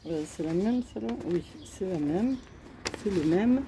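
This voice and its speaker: Out in the sunshine, a crafting vlogger shows off her craft purchases to her phone camera, chatting casually with lots of fillers and hesitations. Her voice is medium-pitched, animated and unhurried, with background noise around her.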